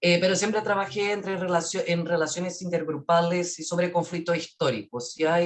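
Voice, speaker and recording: A woman from Portugal, a native Portuguese speaker, gives an academic presentation as a guest researcher over a video call, speaking thoughtfully and often checking in with "¿ya?". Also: on the low side.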